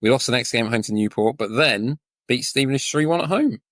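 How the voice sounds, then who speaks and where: A man co-hosting a podcast in relaxed banter. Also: medium pitch, fast talker, dry recording, clean studio sound. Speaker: podcast co-host.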